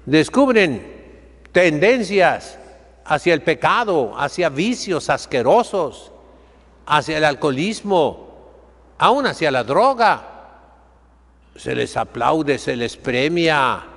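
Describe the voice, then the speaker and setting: An older man, a priest, preaching a seated sermon in a chapel, slow and emphatic, with sweeping rises and drops. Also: on the high side, a bit bright, big-room sound. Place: chapel sanctuary, seated by the altar.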